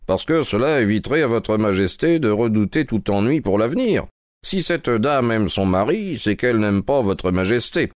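A man voicing a calm, sharp detective with a measured, dry manner in an audiobook reading. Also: on the low side, no echo. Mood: composed.

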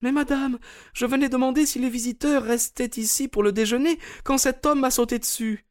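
A man voicing a scheming middle-aged maid in a high, whining falsetto for an audio drama. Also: steady tone, fairly quick. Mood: indignant.

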